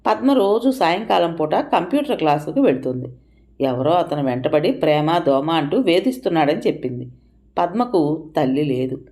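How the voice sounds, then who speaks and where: A woman narrating an audio story in an expressive manner, lifting her voice for quoted speech. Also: low voice, moderate pace.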